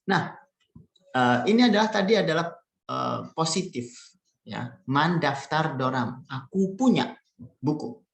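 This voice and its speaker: A man's voice: mid-range voice, creaky. Patient male teacher, roomy sound. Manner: patient, models sentences slowly and deliberately. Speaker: language teacher. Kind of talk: online language lesson. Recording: roomy echo.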